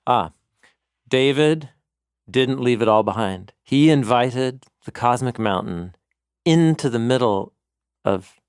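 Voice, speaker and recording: A man co-hosting a podcast, explaining biblical stories in an animated conversational teaching manner, quoting scripture along the way. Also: medium pitch, slow pace, long pauses, clear, resonant tone, dry recording, clean studio sound. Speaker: co-host and Bible teacher.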